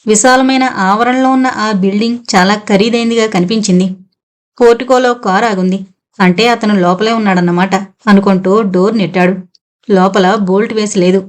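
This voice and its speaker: Woman narrator, scripted novel reading, steady even storytelling. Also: medium pitch. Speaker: audiobook narrator.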